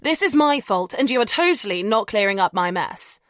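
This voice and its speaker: A woman narrator voicing a bubbly, decisive young woman in an audiobook, bright and emphatic. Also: a little high, big pitch swings, normal speed, no room sound, studio quality, pitched above the performer's own voice. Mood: apologetic.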